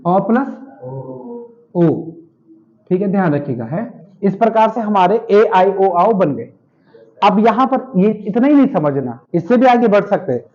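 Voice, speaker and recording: A high-pitched man teaches a classroom grammar lesson and keeps quizzing his students before answering for them. The recording is dull and lo-fi. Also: lively intonation, unhurried, pauses often, darkish tone. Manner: asks students questions and answers them himself.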